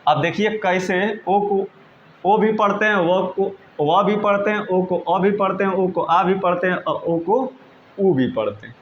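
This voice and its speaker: Man teaching, high voice, patient and repetitive, spells words slowly, dull lo-fi sound. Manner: patient, repetitive, asks "understood?" often. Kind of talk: classroom-style lesson in Hindi. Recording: roomy, dull lo-fi sound with faint noise.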